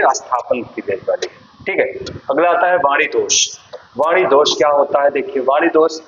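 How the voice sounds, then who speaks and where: A man with a fairly high voice teaches an exam-prep class. He walks through each point, poses a question and answers it himself, often checking in with "okay". The sound is dull and lo-fi, with a faint hiss behind him. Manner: explains step by step, asking and answering his own questions, often saying "ठीक है".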